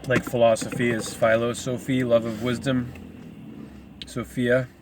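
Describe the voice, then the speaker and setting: A man's voice: mid-range voice, flat delivery, a little slow, background noise. A man casually reading a book aloud, rambling into asides and stumbling over hard names. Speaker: reader.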